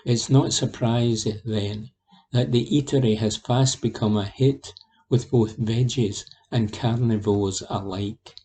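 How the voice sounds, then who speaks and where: Slow, mellow-voiced man reading news. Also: fairly low pitch, steady tone, rough recording. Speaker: volunteer newspaper reader. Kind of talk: reading news articles aloud.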